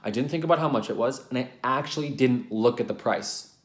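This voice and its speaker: A man's voice: medium pitch, a little fast, reverberant. A man, a relationship coach, talking earnestly to camera in a casual vlog, rambling and correcting himself with many ums, sometimes getting worked up.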